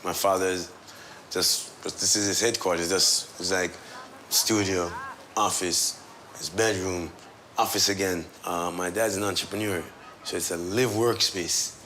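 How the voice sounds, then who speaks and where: A middle-aged Jamaican man telling relaxed stories, laughing often and trailing off as he talks. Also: low-pitched, a little slow, a little hiss or hum. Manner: laid-back, laughs often, trails off and restarts. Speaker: son of the musician, tour guide. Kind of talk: relaxed storytelling.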